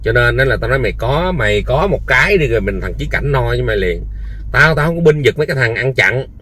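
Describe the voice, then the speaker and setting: A man ranting at someone he addresses directly, scolding and repeating himself with lots of rhetorical questions, then switching to a soft, low-key product pitch. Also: lively intonation, quick pace, a little hiss or hum. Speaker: online commentator. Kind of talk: heated personal rant to camera.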